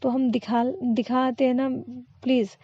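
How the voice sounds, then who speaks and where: A woman's voice: high-pitched, level tone, mellow, no room sound, muffled recording. A woman voicing an anxious, caring young woman who keeps asking worried questions in a storybook tale. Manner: worried, pleading, fast questions.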